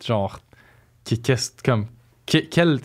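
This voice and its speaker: A man's voice: medium pitch, animated, very slow. A young adult man with a Quebec French accent, chatting casually in slangy speech sprinkled with English phrases. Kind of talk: casual chat.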